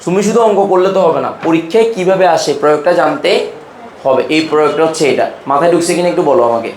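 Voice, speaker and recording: Guy teaching chem, keeps firing questions at the class, slightly high voice, echoey classroom. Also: slight background noise. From Bangladesh. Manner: keeps quizzing students with quick questions; informal, brotherly tone with students. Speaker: chemistry teacher. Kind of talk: classroom lecture.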